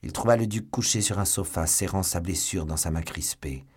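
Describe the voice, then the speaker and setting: A man's voice: deep voice, brisk, slightly rough. A man narrating a classic novel as an audiobook, reading dramatically and voicing every character.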